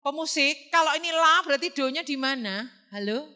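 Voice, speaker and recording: A woman teaching a music class, singing solfege examples between brisk explanations. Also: high voice, animated, bright, forceful tone.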